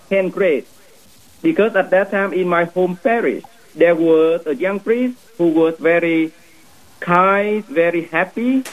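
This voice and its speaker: A man's voice: sits high, narrow, tinny audio. A man in his thirties from Vietnam, a priest speaking English with a Vietnamese accent, earnestly telling his vocation story.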